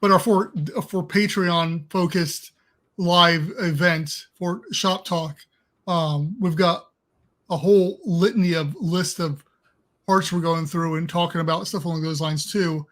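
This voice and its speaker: A man's voice: a little high, fairly even intonation, measured pace, a bit bright. A man co-hosting a live stream, chatting casually with informal, folksy phrasing.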